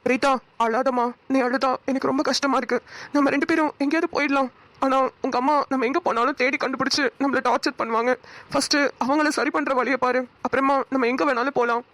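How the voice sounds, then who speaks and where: A woman voicing a gentle, soothing young husband. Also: high voice, steady tone, fast talker, no room sound. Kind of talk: cartoon voice acting.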